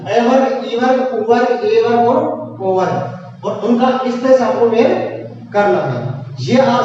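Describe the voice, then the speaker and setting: Guy teacher with a really high voice, asks and answers his own questions, echoey classroom. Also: mellow, muffled recording, slight background noise. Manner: asks questions and answers them himself, repeating each step. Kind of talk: classroom lesson at a board.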